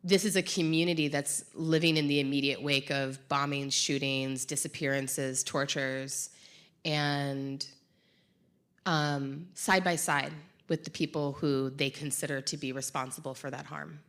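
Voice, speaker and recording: A woman's voice: sits low, steady tone, measured pace, a bit bright. A woman co-hosting a live conversation on stage, speaking reflectively and searching for her words. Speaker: podcast co-host. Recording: uneven live-show sound.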